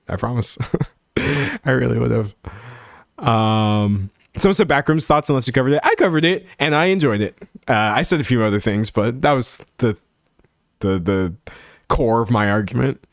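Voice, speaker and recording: The voice is fairly low and the studio sound clean, with no room noise. A young San Antonio streamer with a Texan American accent chats loosely on a livestream, going through chat comments, rambling and laughing at himself a lot.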